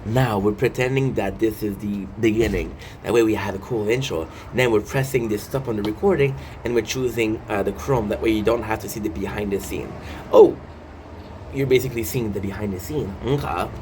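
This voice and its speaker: A man in his thirties hosts a casual, rambling vlog, reading and commenting with jokey, playful asides and cutting into his own sentences. His voice is lowish and darkish in tone, and he talks briskly over clear background noise.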